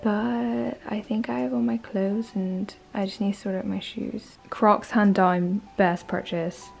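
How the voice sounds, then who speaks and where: A woman's voice: medium pitch, fairly even intonation, a little slow, vocal fry, a little mellow, soft background music. A young woman, chatting casually to camera in a vlog with plenty of fillers. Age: 20s. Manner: chatty, upbeat, filler-heavy. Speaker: vlogger.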